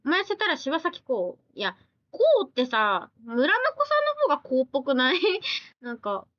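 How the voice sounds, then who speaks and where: High, lively woman streamer, blunt and teasing. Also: no room sound, highs cut off. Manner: blunt, teasing retorts mixed with quick questions. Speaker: live streamer. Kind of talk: casual live-stream chat reading viewer comments.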